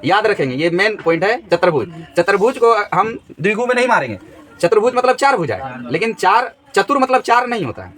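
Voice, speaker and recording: A man's voice: sits high, very animated, a little fast, fairly bright tone. A man teaching a grammar lesson in a classroom, repeating each question so the students answer together.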